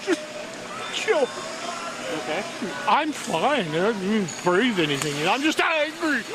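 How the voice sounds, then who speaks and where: A man in his seventies, a protester, shouting and cursing angrily at an outdoor street protest, recorded from a distance on a phone video. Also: high voice, sing-song, measured pace. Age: 70s. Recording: distant phone video with loud traffic noise.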